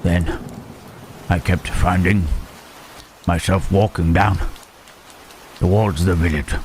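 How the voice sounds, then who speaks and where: A man voicing Frankenstein's monster as a lonely, gentle creature who stammers and speaks formally in an ASMR roleplay. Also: low voice, fairly even intonation, takes it slowly, slight background noise. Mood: tender, shy. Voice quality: hesitant, stammering, formal speech. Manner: soft questioning tags, huh, eh, hmm. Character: lonely, gentle male monster, shy and halting. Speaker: voice actor.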